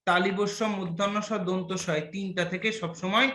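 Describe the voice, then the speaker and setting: A man's voice: high voice, little pitch movement, brisk, pushed and bright, echoey room. A young man from Bangladesh, teaching an online class. He quizzes his students and praises their answers with playful teasing.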